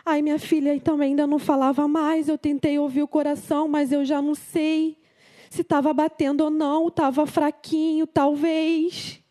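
Grieving Brazilian mother, high voice. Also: flat delivery, warm tone. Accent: Brazilian Portuguese. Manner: halting, repeats phrases over and over. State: grieving, voice near tears. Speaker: mother giving testimony. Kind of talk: emotional personal testimony.

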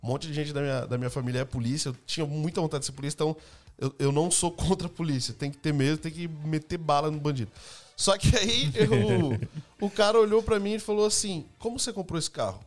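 A young man telling personal stories in a casual podcast chat, lively, laughing, and acting out the people he quotes. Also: fairly high pitch, fast. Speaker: youtuber and podcast guest.

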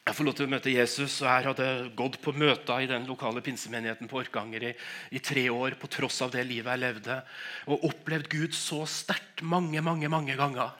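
Middle-aged male preacher, bright forceful tone, emotional testimony, halting restarts. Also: mid-range voice, steady tone. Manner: emotional storytelling, stammering restarts, frequent laughs. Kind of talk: sermon with personal testimony.

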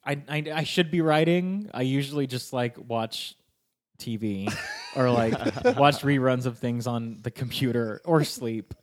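This podcast guest, a young improv performer and writer from Sacramento, California, talks in a mid-range voice at a slightly slow pace. In the casual chat he meanders through stories, leaning heavily on "like."

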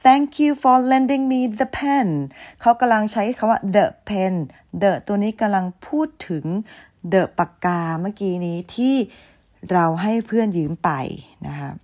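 A woman's voice: mid-range voice, mellow. A woman teaching English grammar, explaining patiently and spelling out words letter by letter. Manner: patient, ends phrases with polite particles, spells letters slowly.

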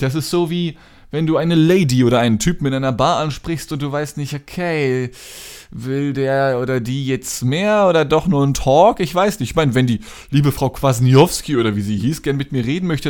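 A man's voice: fairly high pitch, a little mellow. A man from Hamburg, hosting a podcast, tells a comic anecdote in a rambling, digressive and self-mocking way. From Hamburg, Germany. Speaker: podcast host. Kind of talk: comedic anecdote storytelling.

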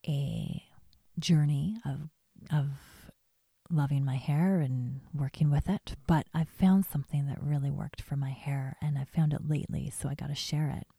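Woman, ASMR beauty vlogger, soft whisper, low dark voice, gentle and chatty. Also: creaky, slightly rough, no room sound, clean studio sound.

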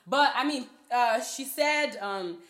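Bright-voiced young woman chatting. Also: a little high, slow pace, reverberant. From Nigeria. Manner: animated, laughing, swearing, many "like" fillers. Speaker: podcast co-host. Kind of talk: casual chat.

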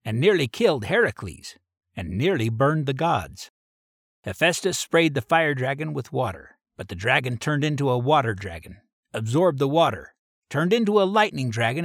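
A man's voice: mid-range voice, dry recording. Man reading a story, dry close sound. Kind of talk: reading an original myth adventure story aloud.

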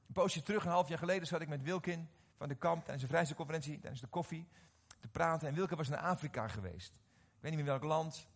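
Husky, animated middle-aged male preacher. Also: fairly high pitch, fast talker, hardly any pauses. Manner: animated, questions the audience, repeats words when restarting. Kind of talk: sermon to a live congregation.

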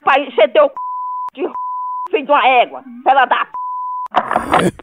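A woman's voice: high-pitched, wildly swooping pitch, unhurried, heavy background noise. A woman heard over a landline phone, angrily insulting and threatening a prank caller.

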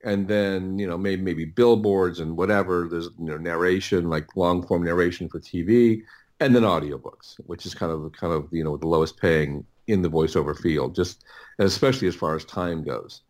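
A middle-aged audiobook producer, appearing as a guest in a casual interview, answers in a low-pitched, slightly mellow voice. He rambles haltingly, repeating words and restarting sentences.

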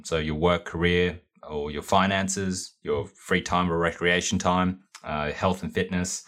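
A man co-hosting a podcast, calmly explaining things step by step with plenty of ums in a casual chat. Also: low voice. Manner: laid-back, explains step by step with many ums. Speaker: podcast co-host.

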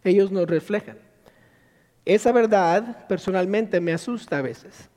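A man's voice: sits high, measured pace, mellow. A male pastor preaching a sermon, asking rhetorical questions and acting out quotes. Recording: long reverb of a large hall.

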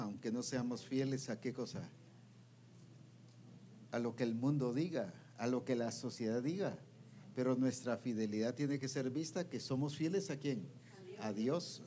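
A man preaching a sermon who reads scripture slowly and keeps asking the audience questions. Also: mid-range voice, warm tone, a little hiss or hum. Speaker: preacher at a women's discipleship meeting. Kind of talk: sermon with Bible reading.

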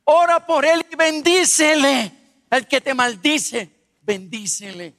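A man's voice: very high voice, slow pace, no room sound, clean studio sound, in a large hall. A man preaching as a pastor, telling personal stories with humor and asking the congregation questions. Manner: animated, humorous, asks the audience questions. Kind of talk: sermon with personal storytelling.

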